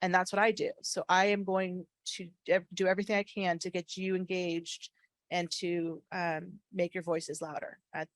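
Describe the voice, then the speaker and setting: A woman's voice: on the low side, level tone, normal speed, dry recording. A woman giving an earnest, emphatic, persuasive talk to a meeting as a staff speaker, repeating key phrases, her speech slightly slurred from wearing a retainer. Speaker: association government affairs staff speaker.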